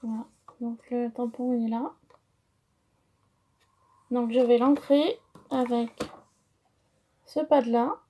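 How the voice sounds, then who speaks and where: Brief: French woman, high mellow voice, unhurried, hesitant craft-tutorial host. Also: steady tone. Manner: slow, hesitant, many fillers.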